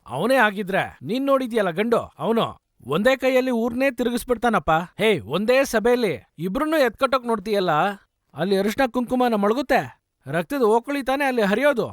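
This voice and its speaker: Blunt relative, high voice, rapid talk, dry sound. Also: male voice, dry recording. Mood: foreboding.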